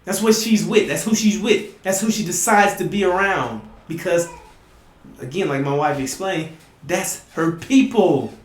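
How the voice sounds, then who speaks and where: A man preaching emphatically to his listeners, often asking "you see?" and sometimes rising to a shout. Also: high-pitched, measured pace, echoey room. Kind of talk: impassioned preaching monologue.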